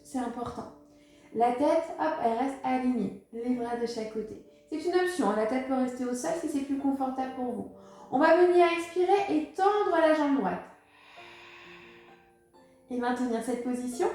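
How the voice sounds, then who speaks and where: A woman with a high voice leads a pilates session, calmly guiding each move and counting the breaths out loud. Her voice rings through a very echoey room. Music plays clearly behind her. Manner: calm, encouraging, counts breaths aloud with casual fillers. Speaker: pilates instructor. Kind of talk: guided exercise class.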